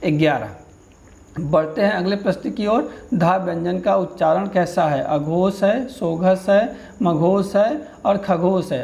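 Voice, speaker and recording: High, gravelly-voiced male teacher. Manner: asks a question, then answers and repeats it; steady, patient explaining. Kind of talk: exam-prep grammar lesson.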